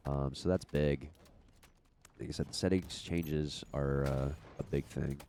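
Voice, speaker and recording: A man's voice: extremely low pitch, steady tone, a little slow, mellow, slight background noise. A young man with a stuffy, congested voice, rambling through an unedited podcast-style chat about his gaming channel. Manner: rambling, many fillers and restarts. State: congested from a cold.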